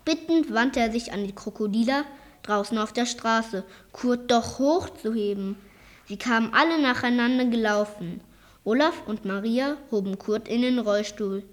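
Female reader, lively storybook read-aloud, slightly high voice. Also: moderate pace. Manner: lively expressive reading. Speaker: reader presenting a book. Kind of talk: reading a children's book aloud.

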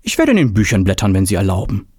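A man's voice: on the low side, wildly swooping pitch, quick pace, darkish tone, slightly rough, no room sound, clean studio sound, voice pushed down, heavily acted. A man reading a wry young moralist. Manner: wry, theatrical. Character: young male moralist, ironic and playful.

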